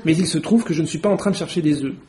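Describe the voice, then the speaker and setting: A man's voice: on the high side, rapid-fire, mellow, close to an everyday voice. A man voicing an indignant, truthful little girl from a storybook, defending herself. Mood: defensive. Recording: roomy echo.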